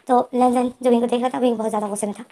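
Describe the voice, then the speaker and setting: A woman's voice: fairly high pitch, flat delivery, rapid-fire, warm tone. A woman with a Hindi accent casually retelling a fan fiction story, voicing both characters' lines herself and talking directly to her listeners.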